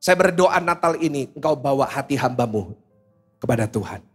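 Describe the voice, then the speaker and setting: A pastor preaching a humorous, storytelling sermon to a large church congregation, speaking directly to the listeners. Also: male voice, medium pitch, expressive, moderate pace, slightly rough, soft background music.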